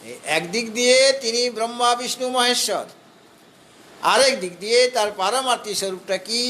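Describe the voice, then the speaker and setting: High-voiced Bengali man giving a scripture discourse. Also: sharp tone, a little hiss or hum. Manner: explains step by step, slow chanted Sanskrit verses, asks rhetorical questions. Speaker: spiritual teacher. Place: hall of a spiritual society.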